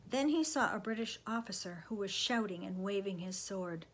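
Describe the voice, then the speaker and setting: A woman reading a children's book aloud, expressive, often dropping into a hushed whisper. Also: mid-range voice, normal speed, a little hiss or hum. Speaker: storybook reader.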